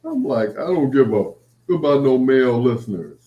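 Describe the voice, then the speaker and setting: A man with a medium-pitched, animated voice hosts a late-night show at a moderate pace, and the highs are cut off. He rambles conversationally through anecdotes and quotes past exchanges, all in a roomy, echoing recording.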